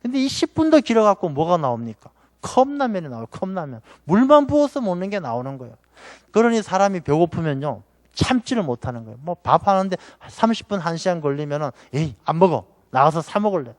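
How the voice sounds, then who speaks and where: A man's voice: high voice, sing-song, fast talker, darkish tone, dry recording. A man pastor preaching a Sunday sermon in a conversational way, acting out short quotes of everyday people along the way.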